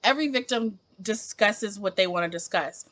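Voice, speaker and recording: A book vlogger in her twenties shares opinions in a casual vlog, animated and emphatic, saying "like" constantly as she thinks aloud. Her voice is mid-range and her pace is normal.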